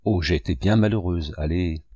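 A man's voice: low-pitched, normal speed, warm tone, breathy edge, no room sound, muffled recording. A man reading a novel aloud, voicing a young woman who is anxious and pleading with emotion.

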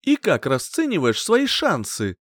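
A man's voice: on the high side, huge pitch swings, unhurried, a bit bright, no echo, full character voice. A man voicing a cheerful, cocky young knight who teases with a grin, in a dry audiobook reading. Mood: curious. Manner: teasing, playful grin in the voice.

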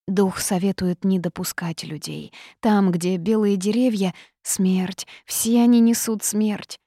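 A woman's voice: mid-range voice, steady tone, takes it slowly, warm tone, no room sound, studio quality, pitched above the performer's own voice. A woman voicing a devout, easily frightened young cave girl who speaks eagerly and fearfully.

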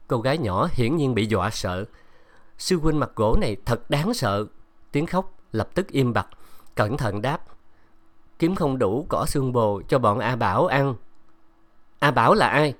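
A man narrating a fantasy novel as an audiobook in a steady storytelling manner. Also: fairly low pitch, no echo. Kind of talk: scripted narration.

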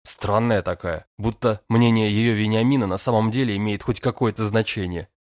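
A man's voice: lowish voice, steady tone, normal speed, darkish tone, dry recording, studio quality. A man narrating an audiobook in the first person, with a cocky, teasing manner.

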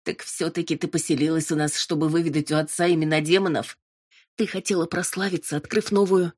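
A woman's voice: sits low, steady tone, fairly quick, slightly rough, dry recording, studio quality. A woman voicing an angry, accusing young woman. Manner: sharp, accusing, raised voice.

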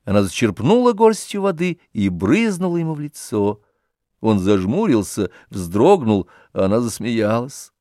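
A male narrator reading a classic novel with an animated, lively intonation. His voice sits at a middle pitch, recorded close and dry. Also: moderate pace, no echo. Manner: expressive storytelling reading. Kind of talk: literary audiobook narration.

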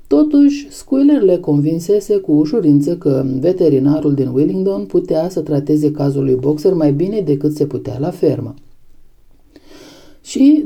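A woman narrating a novel as an audiobook, reading in a measured, steady way. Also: low voice, gravelly, husky.

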